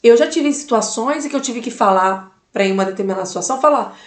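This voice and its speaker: A woman's voice: fairly high pitch, lively intonation, quick pace, echoey room. A mother giving life advice in an emphatic motivational talk, repeating key phrases and asking the listener direct questions.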